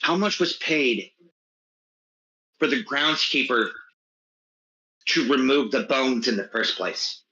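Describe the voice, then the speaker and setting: A man playing a cold, deadpan interrogator in a tabletop game, speaking bluntly and deliberately on a slightly muffled mic. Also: mid-range voice, voice pushed down, full character voice. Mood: stern. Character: Shadow, cold point-blank interrogator with a dagger. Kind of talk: tabletop role-play.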